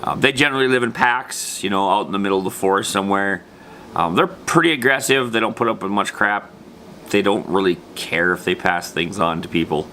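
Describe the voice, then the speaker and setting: With a fairly low pitch and a brisk, pushed, bright sound, a man presents a tabletop gaming video. He explains things informally and without a script, wandering off into slangy asides over faint background noise.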